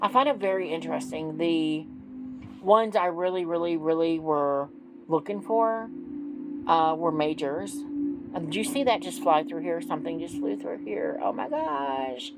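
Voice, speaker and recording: A woman's voice: low voice, lively intonation, unhurried, rough recording. A woman in her forties doing a casual tarot reading, chatty and self-deprecating with frequent ums. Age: 40s. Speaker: tarot reader. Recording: music playing behind.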